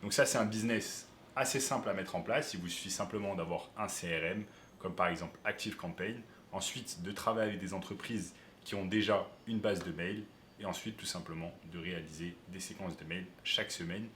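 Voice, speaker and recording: A man's voice: deep voice, brisk, a bit bright, echoey room, slight background noise. A man who coaches online business, explaining step by step to viewers during a screen-share tutorial.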